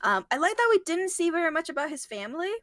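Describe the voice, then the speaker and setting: High-voiced woman chatting about a movie. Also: sing-song, fast, fairly bright tone, no room sound, studio quality. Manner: chatty, laughs often, trails off mid-sentence. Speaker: co-host. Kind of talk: casual movie review chat.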